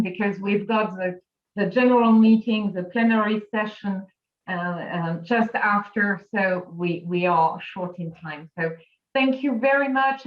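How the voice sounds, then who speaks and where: A woman moderating an online conference session, apologetic and stammering. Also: medium pitch. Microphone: video call. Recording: echoey, lo-fi call audio.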